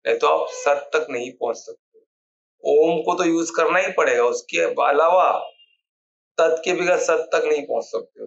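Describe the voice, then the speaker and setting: A man's voice: a little high, gravelly, muffled recording. A man giving an informal spiritual talk on scripture, asking rhetorical questions and repeating key words. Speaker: spiritual teacher explaining scripture. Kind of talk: informal Hindi discourse on scripture.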